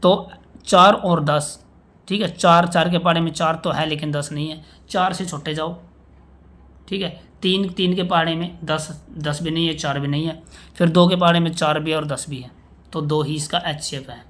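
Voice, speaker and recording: A man's voice: fairly high pitch, fairly even intonation, moderate pace, a bit bright. Man teaching maths step by step. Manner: explains step by step, often asks "samajh mein aaya?"; checks in with "theek hai" and recites times tables aloud. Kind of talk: classroom maths lesson.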